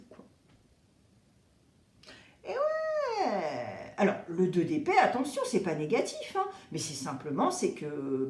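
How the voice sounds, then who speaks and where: A woman giving a casual, chatty tarot reading, expressive and animated, acting out little quoted exchanges. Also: medium pitch, reverberant. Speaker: tarot reader.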